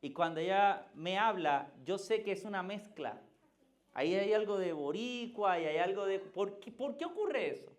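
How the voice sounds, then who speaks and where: A man's voice: high voice, animated, normal speed. Puerto Rican male pastor preaching. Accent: Puerto Rican Spanish. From Puerto Rico. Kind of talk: sermon.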